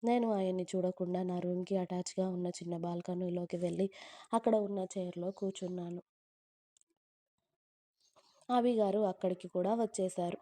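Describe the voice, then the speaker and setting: A woman telling a first-person romantic story in a gentle, emotional, confiding way. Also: on the low side, fairly even intonation, normal speed, pauses often, no room sound.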